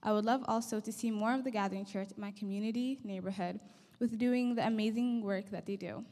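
With a brisk pace, fairly even intonation and a slightly mellow mid-range voice, the young Somali woman reads her speech from notes. As a church hall guest speaker on a handheld mic, she sounds earnest and grateful under long hall reverb.

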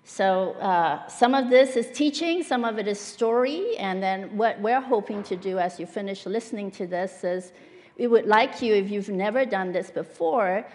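A woman's voice: mid-range voice, moderate pace, darkish tone. A woman from Malaysia and Singapore giving a conversational sermon with personal testimony as a guest church speaker, earnest and full of fillers. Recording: long hall reverb.

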